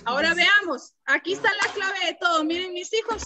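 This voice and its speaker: A woman's voice: extremely high pitch, a little fast, sharp tone. A woman teacher giving an online lesson to a class, patiently explaining and asking the students questions. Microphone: computer mic on a video call.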